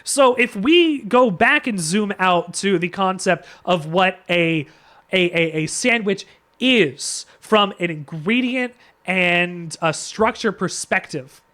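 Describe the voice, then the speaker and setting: A man's voice: high voice, lively intonation, slow, sharp tone. A man streaming live, ranting jokingly like a mock lecturer, with many stumbles and restarts. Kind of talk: casual chat.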